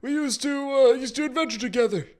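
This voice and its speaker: A man voices a mad, rambling ancient wizard who is human, older, scatterbrained and quick to take offense, losing his thread and restarting with trailing phrases. The voice is pushed up very high, a little mellow, and he talks fast in a shrill, rambling mood.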